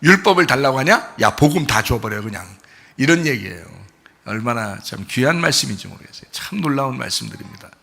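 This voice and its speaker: A male pastor delivering a sermon, emphatic and full of rhetorical questions, moving between quiet explanation and loud insistence. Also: mid-range voice, lively intonation, brisk, creaky, slightly rough. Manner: emphatic preaching, swings from soft to loud.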